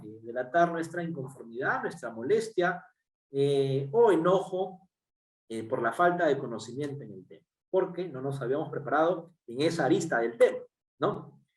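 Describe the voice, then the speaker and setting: Roomy, distant high-voiced man lecturing. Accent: Peruvian Spanish. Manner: explanatory, frequent tag questions and fillers. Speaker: workshop speaker. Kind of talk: online workshop lecture.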